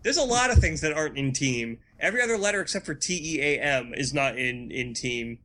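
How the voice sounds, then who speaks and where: Picture a man co-hosting a laid-back podcast, his voice sitting a little high and ringing bright and forceful. He banters loosely, tossing in goofy jokes and quick asides. The feel is an easy, unscripted chat between friends. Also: expressive. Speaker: podcast co-host. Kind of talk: casual chat.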